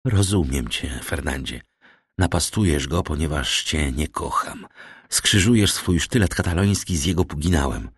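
A man's voice: extremely low pitch, animated, normal speed, breathy edge, dry recording, studio quality, voice pushed down, heavily acted. A man voicing a poor young village woman, firm and earnest as she turns down a suitor. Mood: passionate.

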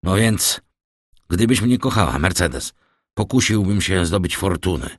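A man's voice: low-pitched, expressive, unhurried, no room sound, clean studio sound. A man voicing a bitter jealous young soldier. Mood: pleading. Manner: bitter, pleading.

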